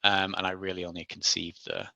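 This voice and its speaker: A man's voice: low voice, monotone, brisk, gravelly, bright, forceful tone, no room sound. A man, a podcast guest telling his story in a chatty, self-deprecating way with frequent laughs. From Isle of Man. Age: 40s. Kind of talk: casual interview storytelling.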